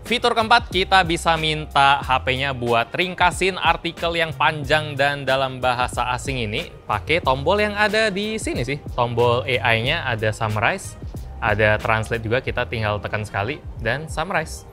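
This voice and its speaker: Man, bright forceful voice, chatty tech demo, faint music under. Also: mid-range voice, normal speed. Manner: chatty, laughs often, animated bursts. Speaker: tech reviewer. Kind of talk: casual product demo.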